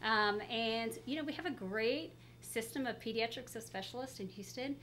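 A woman's voice: fairly high pitch, normal speed, a bit bright, a little hiss or hum. A middle-aged woman chatting casually as a pediatrician guest in an interview, speaking through a face mask. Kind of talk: casual interview, telling career story.

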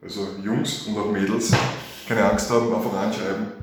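Low-voiced casual man, echoey. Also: level tone, moderate pace, heavy background noise. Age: 30s. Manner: casual, colloquial. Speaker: festival organizer. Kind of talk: casual radio interview. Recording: very echoey room.

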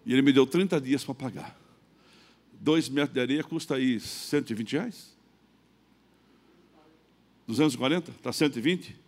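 In a church, a middle-aged male pastor with a Brazilian Portuguese accent preaches a sermon in a fairly high-pitched voice. He tells a personal story, acting out both sides of the dialogue.

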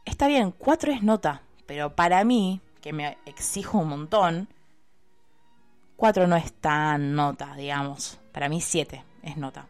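A young woman with an Argentine Spanish accent, a university student telling a personal story in a casual, expressive, chatty way and swearing freely. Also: sits low, measured pace, faint music behind. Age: young adult.

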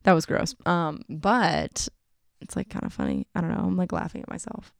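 A woman's voice: on the low side, huge pitch swings, normal speed, creaky. A young adult woman chatting casually on her own channel, giggling often and filling her talk with "like". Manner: chatty, giggly, full of filler "like". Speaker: YouTuber. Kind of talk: casual chat.

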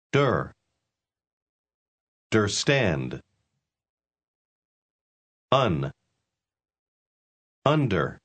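An American man modeling English words for learners, saying them slowly and deliberately, syllable by syllable. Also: low-pitched, fairly bright tone. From United States. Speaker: English pronunciation model speaker. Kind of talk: slow drilled pronunciation.

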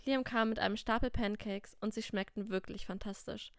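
Woman reading a story out loud, smooth clear voice, dry close mic. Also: mid-range voice, moderate pace, no room sound. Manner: steady first-person reading. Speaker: podcast host and author reading her story. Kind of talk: scripted storybook narration.

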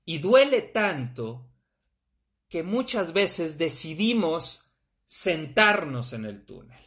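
A podcast host with a Mexican accent talks about grief in a blunt, casual way, swearing often. His voice sits on the high side and he speaks slowly, with an animated, profane manner.

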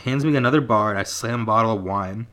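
A man's voice: lowish voice, fast talker, sharp tone. Man in his twenties, podcast co-host, reading aloud, casual, laid-back, laughs a lot.

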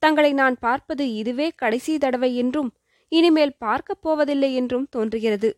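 A woman's voice: sits high, normal speed, no echo, clean studio sound, lightly acted. A woman voicing a fearful, tearful young princess in a storybook reading. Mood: sorrowful. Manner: sorrowful, sobbing.

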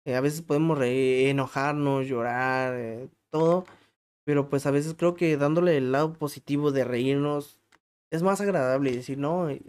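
A man's voice: a little high, darkish tone, clean tone. A man with a Mexican accent hosting a podcast, telling funny, crude stories about himself in casual slang and laughing at his own jokes. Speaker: podcast host. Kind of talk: casual comic storytelling monologue.

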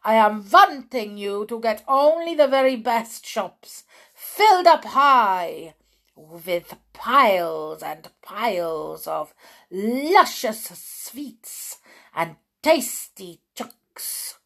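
A woman voicing a tiny, furious female Grand High Witch who screeches orders in odd, broken English. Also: big pitch swings, very slow, vocal fry, fairly bright tone, full character voice. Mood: scheming. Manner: shrieking, screeching, foreign-sounding broken English.

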